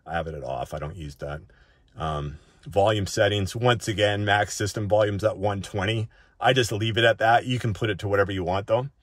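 A man with a fairly low, fairly bright voice and fairly even intonation moves briskly through a casual, unscripted settings walk-through as a tech reviewer. His style is informal, with frequent check-ins that often end on "right?", and there's no room sound.

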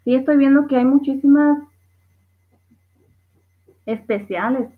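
A woman's voice: high voice, unhurried. A woman hosting a casual livestream, reading viewers' comments aloud and laughing along. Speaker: livestream host. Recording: tinny phone-like livestream audio.

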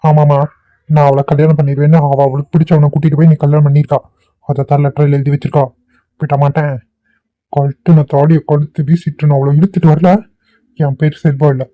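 A man's voice: on the high side, level tone, fairly quick, dry recording, natural voice. A man voicing a hot-tempered, vengeful jilted man in an amateur cartoon, threatening angrily. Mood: furious. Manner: angry, threatening. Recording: tinny phone-like audio.

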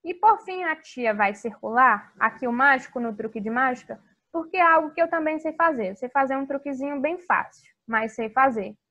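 A woman teaching English to young children in a video lesson, with a sing-song teacher manner and slowly spelled-out English words. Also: high voice, animated, sharp tone, lo-fi sound. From Brazil. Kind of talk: recorded video lesson for kids.

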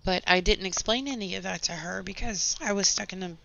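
Gravelly-voiced woman rambling candidly. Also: mid-range voice, fairly quick, bright, forceful tone, slight background noise. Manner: candid, rambling storytelling about work. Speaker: gaming channel host. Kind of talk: casual commentary over gameplay. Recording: slightly dull lo-fi audio.

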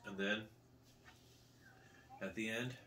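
A man in his thirties with a low voice talks casually through a food tasting. He is picked up by a camera mic a little way off in a living room, with faint room noise behind him. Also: steady tone, takes it slowly, sharp tone. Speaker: host of a food challenge video. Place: small living room at a table, indoors. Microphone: camera a couple of metres away.

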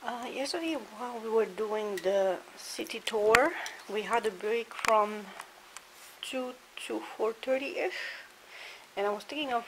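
A woman with a fairly high voice talks at a measured pace, casually showing her things on camera in a dim hotel room and occasionally half-whispering. Steady hiss runs through this home recording.

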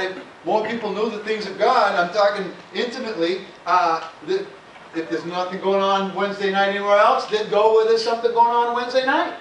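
A man preaching in a church with a slightly high voice and a loose, conversational delivery, often punctuated with "amen" and "hallelujah." The sound is picked up from a distance in a roomy sanctuary, with a faint hiss underneath. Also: fairly bright tone. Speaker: pastor. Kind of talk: sermon. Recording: echoey church room, voice from far off, faint hiss.

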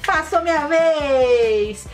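Excitable high-voiced woman host. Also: very slow. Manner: excitable, exclaiming, sing-song kids' presenter. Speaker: kids' channel host. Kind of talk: playing a board game for children. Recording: voice a bit far from the mic, faint music.

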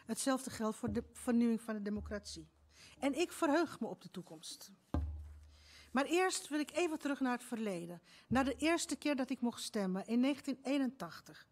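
Higher-pitched woman giving a measured speech. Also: animated, a little mellow. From Romania. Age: 50s. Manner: measured, literary storytelling. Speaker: speaker at a book event. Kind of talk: prepared speech with anecdote. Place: stage in an event hall.

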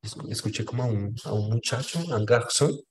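Colombian man teaching French, low voice. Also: expressive, fairly quick. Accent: Colombian Spanish. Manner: explains in French, then repeats in Spanish. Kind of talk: online language class.

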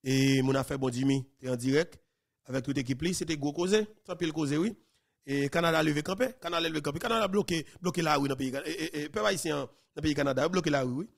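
A man hosting a live news program, commenting excitably and emphatically, with frequent repetition. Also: a little high, quick pace, gravelly. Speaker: news host.

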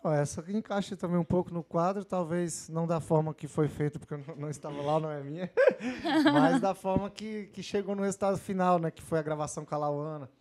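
A man's voice: a little high, fast talker, a little mellow. A man, a singer, chatting casually as a guest and telling anecdotes. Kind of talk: casual chat.

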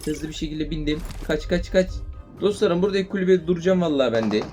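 A young man commentating his own mobile shooter game, shouting and swearing in fights, then calming himself down. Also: a little high, fast talker. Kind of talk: live gameplay commentary. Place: indoors at home playing on a tablet. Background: game gunfire and music.

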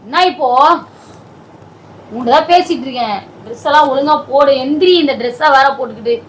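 High-pitched woman nagging nonstop in a comedy skit, bossy and insistent. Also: fairly quick, slight background noise, low-quality recording. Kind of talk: scripted comedy argument.

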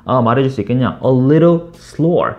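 Lively Korean man teaching English phrases. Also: mid-range voice, lo-fi sound. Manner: lively, coaching, repeats English phrases slowly. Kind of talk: online English lesson.

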